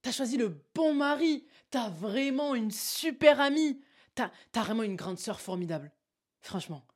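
A woman's voice: a little high, expressive, normal speed. A young woman giving a casual, emphatic motivational talk, addressing the listener directly with frequent asides. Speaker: motivational vlogger.

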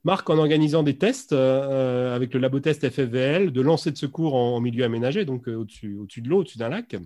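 A man's voice: mid-range voice, quick pace, dark tone. A man hosting a live interview, introducing and questioning guests in a hesitant way, often repeating words as he goes. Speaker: live show host and interviewer.

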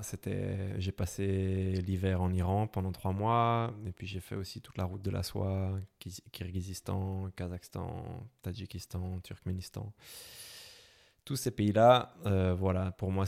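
Young Brussels man, low gravelly voice, hesitant interview answers. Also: level tone, unhurried, a little mellow. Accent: Brussels French. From Belgium. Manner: hesitant, many fillers and restarts. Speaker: interviewee, motorcycle traveler. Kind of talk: casual interview.

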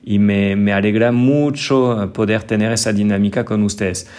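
A man with a French accent from northern France talks through listener questions as a language teacher on his own podcast. His voice sits a little low, and he explains things patiently, often repeating a word as he reaches for the next one. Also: steady tone, moderate pace, darkish tone. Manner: explanatory, repeats words while searching for them.

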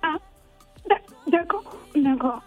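A woman's voice: high voice, animated, takes it slowly, faint music behind. A woman calling in to a radio show, speaking in a hesitant, friendly way. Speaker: caller. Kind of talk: phone-in chat. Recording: tinny phone line.

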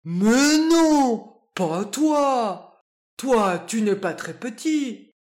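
Bouncy cartoonish pup in a kids' storybook, eager and playful, drawn-out words, as a woman reads him. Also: fairly high pitch, a little mellow. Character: excitable young male dog, a ball of energy. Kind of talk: storybook reading for children.

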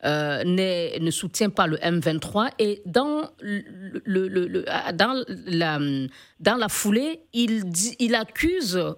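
A woman's voice: mid-range voice, expressive, slow pace. A woman moderating a radio debate, speaking hesitantly with many fillers but firm about whose turn it is.

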